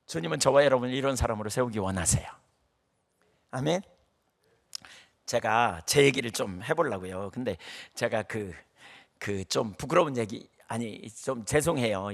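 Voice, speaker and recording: A man's voice: mid-range voice, vocal fry. A middle-aged male pastor preaching a sermon, telling stories animatedly and acting out the voices of the people he counsels.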